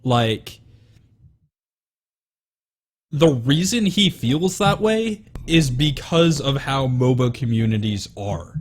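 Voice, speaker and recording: A man's voice: medium pitch, expressive, takes it slowly, breathy edge. A man co-hosting a podcast in casual, rambling chat with many fillers. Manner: rambling, full of fillers and restarts. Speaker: podcast co-host.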